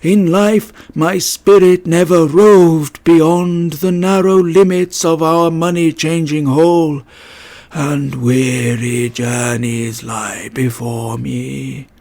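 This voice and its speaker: A man voicing the mournful, doomed ghost of a dead businessman in a storybook reading, with slow, wailing declamation. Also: fairly high pitch, fairly even intonation, a little mellow. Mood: anguished, weary.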